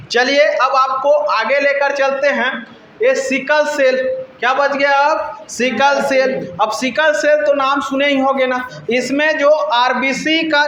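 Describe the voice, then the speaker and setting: High, bright-voiced teacher quizzing himself. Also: male voice, a little hiss or hum. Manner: repeats questions and answers them himself. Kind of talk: classroom lecture. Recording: roomy, dull lo-fi sound.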